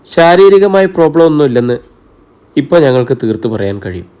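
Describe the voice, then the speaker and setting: A man voicing a confident, calm male doctor in a novel reading. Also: a little high, a little fast, clean tone. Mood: reassuring. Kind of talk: audiobook character reading.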